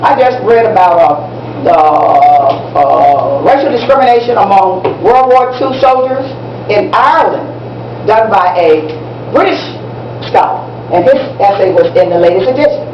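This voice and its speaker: Here the same one-act play teacher, a proud and enthusiastic woman, walks young students through history at a moderate pace, her mid-range voice lively in intonation and lightly acted, encouraging them and repeating points for emphasis with an informative tone. The audio, captured from the audience in a library event room, sounds distant, muffled, noisy and full of echo.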